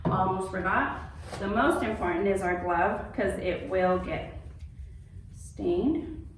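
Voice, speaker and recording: Speaking slowly in a mid-range voice, a woman instructor leads an informal, step-by-step craft demonstration, reassuring her audience and often checking in with an "okay." The mic sits at a distance in a roomy space, picking up faint noise.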